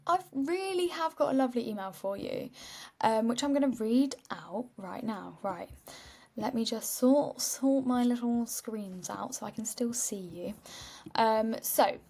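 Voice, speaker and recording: A woman's voice: a little high, animated, unhurried, gravelly, a little mellow. A woman hosting a podcast, chatty and rambling, tired, laughing often. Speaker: podcast host. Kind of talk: casual chat.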